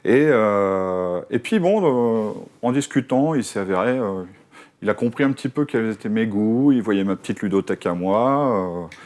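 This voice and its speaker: A man's voice: lowish voice, lively intonation, moderate pace, darkish tone. A middle-aged man, a game publisher, chatting casually in an interview and telling anecdotes with many hesitations. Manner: hesitant, many "euh" fillers, mimics others while telling anecdotes.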